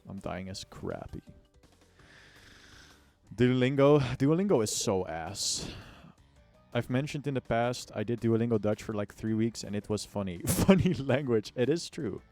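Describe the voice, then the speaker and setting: An American game streamer chats casually while gaming, joking in slang and complaining with mock exaggeration, with music playing behind him. His mid-range voice is animated, unhurried and darkish in tone.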